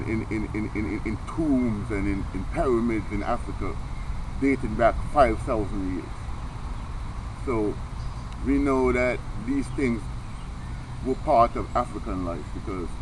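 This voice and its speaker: Stammering Rasta man preaching over street noise. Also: on the low side. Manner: Rasta speech, earnest and preaching, with street phrasing; stammers, often repeating words several times. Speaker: vlogger. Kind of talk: casual rambling monologue to camera. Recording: noisy, outdoor traffic ambience.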